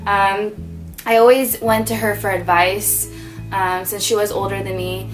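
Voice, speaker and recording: A young woman vlogging about losing her best friend, talking softly and tearfully with many pauses and fillers. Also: medium pitch, little pitch movement, faint music behind. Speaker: beauty vlogger. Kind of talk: emotional personal vlog.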